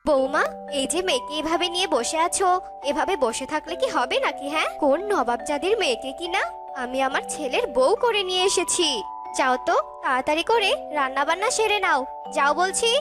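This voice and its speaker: A sharp-tongued old mother-in-law from a village cartoon, played by a woman. She nags, shouts and sneers in a very high, piercing voice. Cartoon music runs under her. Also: lively intonation, a little fast. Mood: scolding. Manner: scolding, shrill, shouting. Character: nagging older village mother-in-law, grandmother. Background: background music.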